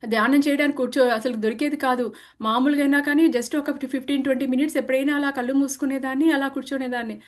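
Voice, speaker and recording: A woman's voice: high voice, steady tone, fast. A woman telling the story of her own spiritual experience in a conversational way, earnest and full of restarts, slipping English words into her speech. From India. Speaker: meditation practitioner sharing her experience. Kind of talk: personal testimony, conversational.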